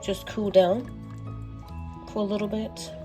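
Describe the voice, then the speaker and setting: A woman's voice: mid-range voice, level tone, measured pace, over music. A woman vlogging casually as she tastes her baking, chatty and prone to fillers and trailing off. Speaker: homesteading vlogger. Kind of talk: casual cooking vlog.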